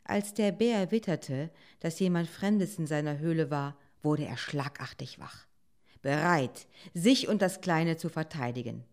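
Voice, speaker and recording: Low-voiced woman reading a storybook. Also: unhurried, a little mellow.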